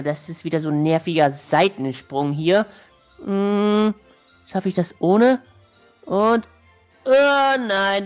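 A woman hosting a gaming channel, giving casual gameplay commentary and exclaiming in frustration at a hard level. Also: medium pitch. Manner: frustrated, exclaiming, addressing viewers as friends. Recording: faint background music.

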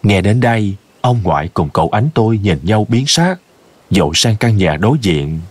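A man narrating a scripted horror story in a slow, ominous storytelling manner. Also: fairly low pitch, animated, slightly rough, dry recording.

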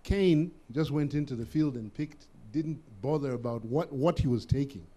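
Brief: thoughtful male guest, mellow tone, unhurried and sincere. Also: medium pitch. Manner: earnest, reflective, repeats words as he thinks. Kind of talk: casual interview chat.

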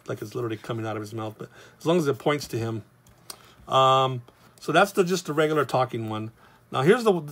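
A middle-aged man, teaching how to draw comics in a loose, rambling, casual way. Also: medium pitch. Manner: rambling, loose and chatty, with many fillers. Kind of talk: casual drawing tutorial.

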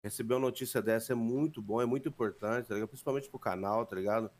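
A man's voice: medium pitch, very fast, a little mellow, slight background noise. A man on a gaming stream giving an earnest, heartfelt message of support, full of slang and blessings. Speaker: guest donor. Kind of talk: casual heartfelt speech.

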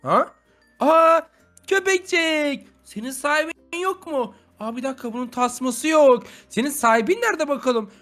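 A man playing a grumpy, unlucky young man in an animated game video, grumbling and exclaiming often. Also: very high-pitched, moderate pace, faint music behind, full character voice. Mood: cooing. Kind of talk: animated game role-play.

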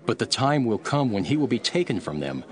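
An actor playing Jesus as a calm, authoritative teacher in a dramatised scripture reading, measured and solemn. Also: male voice, lowish voice. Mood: patient, instructive.

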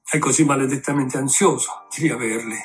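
A man's voice: medium pitch, a little fast, close to an everyday voice. Male reader as a cynical joking sailor, muttered wry asides.

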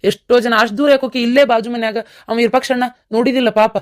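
Speaking quickly in a natural, mid-range voice with fairly even intonation, a voice actor plays a cartoon's young villager who is stubbornly set on joining the army. The character sounds earnest and determined, with a North Karnataka Kannada accent.

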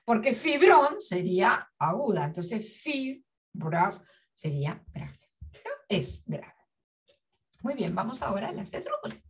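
A woman teacher giving a literature lesson, slowly spelling out syllables and repeating her examples. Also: medium pitch, sing-song, recorded from a distance. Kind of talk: classroom lesson.

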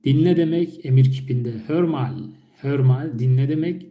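A man whose first language is Turkish, teaching basic German phrases during a live stream and repeating each one slowly and carefully. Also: a little high, echoey room, phone-quality sound. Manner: slow, careful repetition of phrases.

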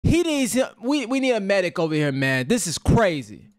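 A young man hosts a reaction video from his room, and his voice runs high. He talks fast and loose, full of slang and hyped outbursts, close to a desk mic. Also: big pitch swings, background noise. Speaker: reaction channel host. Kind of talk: casual reaction commentary. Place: home room. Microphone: headset with desk mic.

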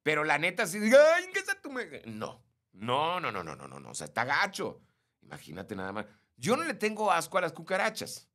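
Mexican man, live stream host, lively bright voice, chatty and animated. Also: a little high, a little fast. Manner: animated, greets viewers by name, mimics shrieks. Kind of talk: casual live chat reading comments.

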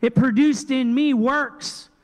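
A middle-aged male pastor preaching a sermon into a handheld mic, moving between loud emphatic points and quiet asides. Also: very high-pitched, steady tone, takes it slowly. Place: large church sanctuary. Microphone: handheld microphone. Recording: long church reverb.

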